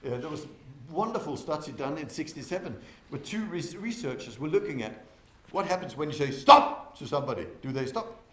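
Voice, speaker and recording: A man giving a lively conference talk to an audience, who keeps asking them questions and swings from loud to soft on purpose. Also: on the high side, brisk, hardly any pauses. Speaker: conference speaker. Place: windowless conference hall. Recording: echoey hall with faint noise.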